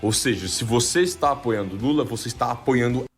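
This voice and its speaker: A man's voice: medium pitch, fairly quick, faint music behind. A young Brazilian man reading a scripted explainer, switching his tone to act out examples. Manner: shifts tone to demonstrate speaking styles. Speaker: video narrator.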